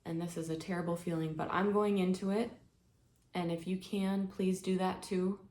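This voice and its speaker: A woman leading a guided healing exercise, speaking in a gentle, soothing way, step by step. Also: on the low side, level tone, normal speed. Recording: echoey room with faint ambience.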